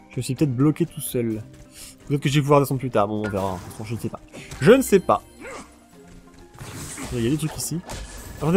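A man giving casual, jokey commentary on a video game while playing, shouting during fights. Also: mid-range voice. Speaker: let's play gamer.

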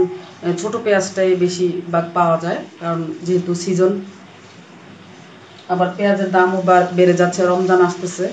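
A woman from Bangladesh with a hoarse voice from a cold, chatting casually as she explains her cooking steps in a home kitchen. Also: lowish voice, highs cut off. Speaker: cooking vlogger. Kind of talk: casual cooking vlog narration. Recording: echoey kitchen with frying and rain noise.

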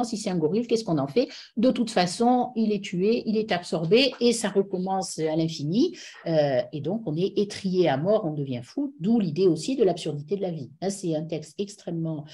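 A woman's voice: sits low, warm tone, husky. A middle-aged woman giving an online lecture on song lyrics over a video call, digressive and full of hesitations. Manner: digressive, many hesitations and fillers.

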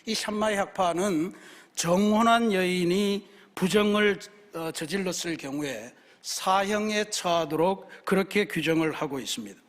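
A man's voice: high-pitched, a bit bright. A man, the senior pastor, preaching a Sunday sermon in an earnest, explanatory way and asking rhetorical questions. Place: church sanctuary. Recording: long reverb of a church hall.

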